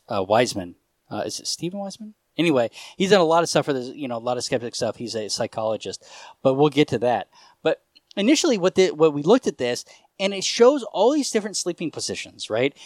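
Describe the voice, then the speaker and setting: Podcast host, male, mid-pitched, talks things through out loud, close dry mic. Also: no echo. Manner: thinking aloud, explaining at length. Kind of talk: casual chat.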